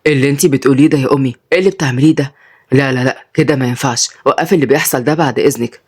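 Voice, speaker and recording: A woman voicing a repentant former mafia boss, a young man speaking gently and earnestly in Egyptian Arabic. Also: very deep voice, fairly even intonation, rapid-fire, husky, voice pushed down. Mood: upset.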